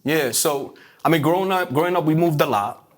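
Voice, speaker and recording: A man's voice: a little high, animated. A man from Puerto Rico, telling his life story in an interview with many fillers and restarts. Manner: halting, many restarts and fillers, streetwise phrasing. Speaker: interview guest.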